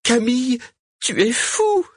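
A man doing a shrill, desperate pleading woman. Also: big pitch swings, takes it slowly, breathy edge, no room sound, studio quality, heavily acted. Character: anguished woman pleading with the mayor.

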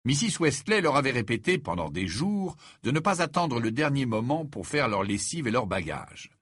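Expressive, husky male storybook reader. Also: medium pitch, moderate pace, dry recording, clean studio sound. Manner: expressive reading, doing all voices. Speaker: audiobook reader. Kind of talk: storybook narration.

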